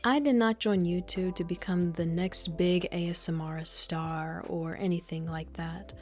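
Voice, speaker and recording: A woman ASMR creator talking in a soft, proper and a little monotone whispered role-play manner, slightly nasal, cooing endearments. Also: lowish voice. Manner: coos endearments like darling.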